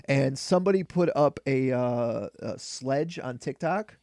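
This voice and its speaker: A man's voice: mid-range voice, lively intonation, measured pace, a little mellow, dry recording, clean studio sound. A man co-hosting a podcast in casual, conversational chat. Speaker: podcast co-host.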